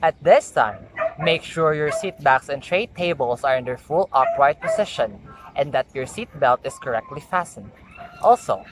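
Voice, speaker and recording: Music plays and a dog barks now and then as a young adult with a Filipino accent, a tourism student, rehearses flight attendant announcements and chats like an amateur vlogger. The reading is careful and formal yet stumbling, with retakes, in a mid-range voice over a noisy background.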